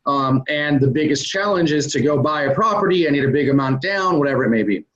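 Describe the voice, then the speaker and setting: Higher-voiced man explaining business, lo-fi. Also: animated, quick pace, a bit bright. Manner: conversational, explains step by step with many "um" and "uh" fillers. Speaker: interview guest, real estate investor. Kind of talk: casual business explanation in an interview. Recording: dull lo-fi recording.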